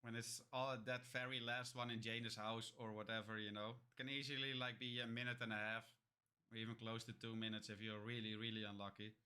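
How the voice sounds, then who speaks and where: A man at a middle pitch chats casually with his stream audience about a run he did. His talk is loose and rambling, full of little fillers and restarts. It has an easy, unscripted sound. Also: level tone, fairly quick, pushed and bright, clear, resonant tone. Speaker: streamer reacting to his own speedrun. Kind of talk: casual chat.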